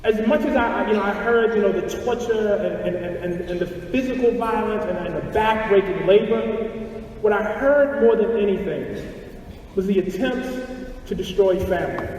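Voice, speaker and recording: A man's voice: sits high, moderate pace, darkish tone, a little hiss or hum. A man speaking in a documentary interview, telling a story earnestly and often repeating words. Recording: echoey hall, mic far off.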